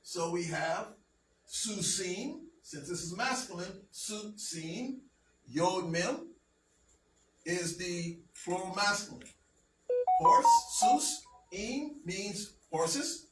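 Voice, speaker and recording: A man teaching a language lesson to a class, speaking slowly and deliberately and often checking that everyone follows. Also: high-pitched, lively intonation, faint music behind. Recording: roomy, from a distance, faint noise.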